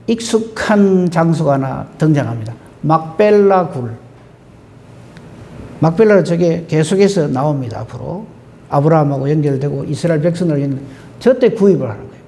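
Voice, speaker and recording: A male pastor preaching an animated sermon at a New Year's Eve service, with exhortations and rhetorical questions. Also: fairly high pitch.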